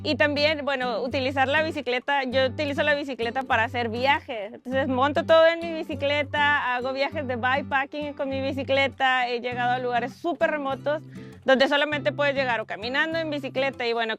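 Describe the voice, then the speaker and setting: A young woman from Monterrey, Mexico, calmly answering interview questions. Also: high-pitched, brisk. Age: young adult. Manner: calm, practical, with fillers. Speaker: interview guest. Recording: faint music underneath.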